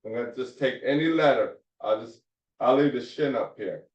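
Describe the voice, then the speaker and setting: A man teaching a Hebrew phonics class, explaining slowly and repeating his points as he writes on a board. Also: mid-range voice. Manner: slow, repeats points, restarts mid-sentence. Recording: echoey room, dull lo-fi sound.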